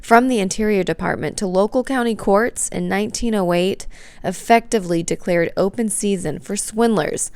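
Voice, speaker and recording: A woman's voice: medium pitch, normal speed, darkish tone, smooth, no echo. A woman reading scripted narration for a news documentary as the reporter.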